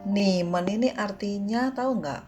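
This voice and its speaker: Slow-paced Indonesian woman teaching. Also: mid-range voice, music in the background. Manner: repeats syllables slowly, drills viewers. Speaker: Mandarin pronunciation teacher. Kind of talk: casual online lesson.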